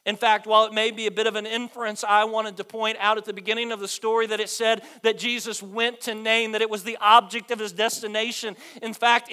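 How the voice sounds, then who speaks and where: High, bright-voiced preaching pastor. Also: male voice, clear, resonant tone. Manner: preaching with rhetorical questions and a repeated "right?"; swings between loud emphatic lines and hushed low ones. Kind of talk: sermon.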